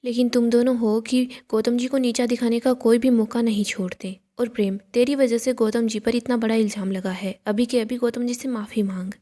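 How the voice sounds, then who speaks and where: A woman reading the lines of a stern, proud matriarch, reproachful and sharp-tongued, in a mellow voice. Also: on the high side, steady tone, normal speed, few pauses, natural voice. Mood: scolding.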